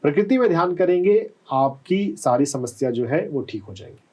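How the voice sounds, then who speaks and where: A man working as a doctor, calmly explaining answers to callers on a live health call-in show and often checking with "है ना?". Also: on the high side, normal speed, poor audio. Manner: calm, explanatory, often asks "है ना?".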